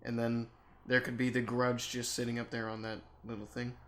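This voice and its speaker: A young man with a mid-range voice talks casually and at length. He rambles in a relaxed way and trails off before picking his thought back up. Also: mid-range voice, normal speed. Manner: rambling, laid-back with fillers. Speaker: co-host. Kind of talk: casual chat.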